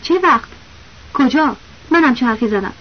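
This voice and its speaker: A woman's voice: fairly high pitch, expressive, husky. A woman reading the quoted lines of a young man posing as a teacher, flustered and pleading as he keeps denying things. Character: flustered young male impostor teacher, desperate. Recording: dull lo-fi audiobook recording with faint hiss.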